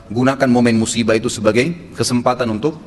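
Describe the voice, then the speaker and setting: A man's voice: mid-range voice, fairly even intonation, quick pace. A man preaching a sermon with blunt, emphatic advice. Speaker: Islamic preacher. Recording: long echo in a hall, faint noise.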